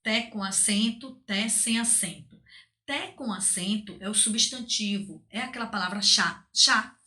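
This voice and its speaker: A woman's voice: medium pitch, measured pace, pushed and bright. A Brazilian woman with a Brazilian Portuguese accent, teaching a school language lesson and explaining patiently, often checking in with the class. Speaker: Spanish teacher.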